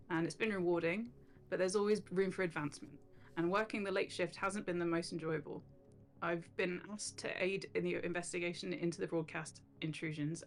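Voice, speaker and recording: A gadget-obsessed TV station technician, earnest and keen to move up, as a woman reads her out in her own voice. Her voice sits slightly low. Faint music plays behind. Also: close to an everyday voice. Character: female electronics technician at a TV station.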